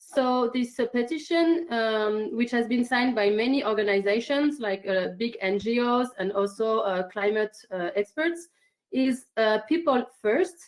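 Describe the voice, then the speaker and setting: A woman's voice: on the high side, unhurried. A woman speaking broken English at an online conference, hesitant and often searching for words. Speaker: campaigner presenting a petition. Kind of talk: prepared remarks at an online conference.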